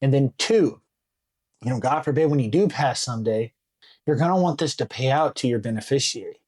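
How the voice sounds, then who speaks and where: A man's voice: medium pitch, expressive, brisk, darkish tone, husky. A man teaching insurance sales, talking casually and acting out parts of phone calls with clients. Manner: casual, acts out client dialogue. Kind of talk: sales coaching talk with role-played calls.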